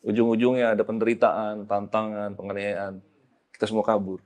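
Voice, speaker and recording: A man's voice: fairly low pitch, flat delivery, brisk. Emphatic man preaching. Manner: mixes slang and English, rises to loud emphatic peaks. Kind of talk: sermon.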